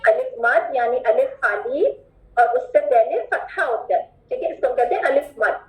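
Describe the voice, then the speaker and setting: A woman with a high voice leads a recitation class and firmly asks her students to pay attention. She repeats each word slowly and stretches it out to show how it should sound. The room is noticeably echoey. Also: animated. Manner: instructive, repeats words slowly drawn out as examples. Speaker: Quran recitation teacher. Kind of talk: online class instruction.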